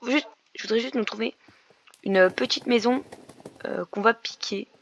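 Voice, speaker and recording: Speaking at a moderate pace in a slightly high voice, a young woman who makes gaming videos explains her Minecraft play as she goes. Her let's play chatter is loose, with frequent fillers and restarted thoughts.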